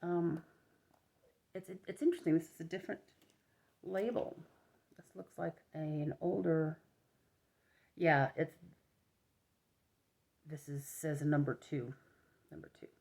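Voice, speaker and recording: A woman with a low voice chats casually to her viewers as she hosts an unboxing vlog. She rambles and thinks aloud, often letting a sentence trail away before picking up again. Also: a little slow, vocal fry, long pauses, a little mellow. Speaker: yarn craft vlogger, host.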